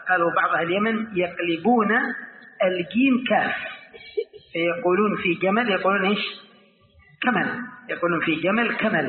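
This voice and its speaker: A man teaching a lesson on Quran commentary. He asks his students questions and repeats the key phrases. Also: high-pitched. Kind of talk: classroom lesson. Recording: tinny, echoey hall recording.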